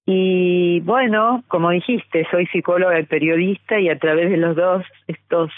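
A woman's voice: lowish voice, steady tone, unhurried, no room sound. A middle-aged woman from Argentina with an Argentine accent, a guest giving a fluent, argumentative phone interview. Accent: Argentine Spanish. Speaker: guest, journalist and psychologist. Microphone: telephone. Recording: tinny phone line.

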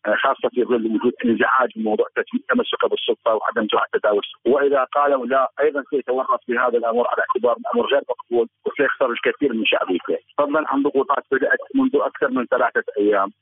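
Fast-talking Iraqi man on a phone line. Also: medium pitch, sing-song, no echo. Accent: Iraqi Arabic. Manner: rapid argumentative analysis. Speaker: political analyst guest. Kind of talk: phone-in radio interview. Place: Baghdad by phone. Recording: tinny phone line, husky.

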